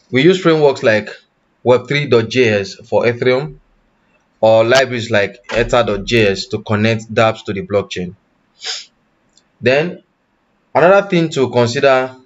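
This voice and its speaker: A man teaching blockchain development in a live online class, pausing often and correcting himself, and checking in with "you understand?". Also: fairly low pitch, dull audio. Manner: halting, self-correcting, asks "you understand?". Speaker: tech instructor.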